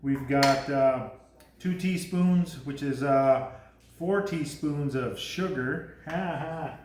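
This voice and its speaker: A man's voice: medium pitch, takes it slowly, a little mellow. A man hosting a casual home cooking demo, rambling and correcting his own slips with a chuckle. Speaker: home cooking show host. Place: home kitchen. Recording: echoey kitchen, clear background noise.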